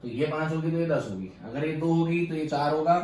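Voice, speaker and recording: A man teaching a physics class, firing quick questions at students and answering them himself. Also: a little high, darkish tone. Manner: quizzing students with rapid questions. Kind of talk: classroom lecture. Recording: very echoey room, far from mic.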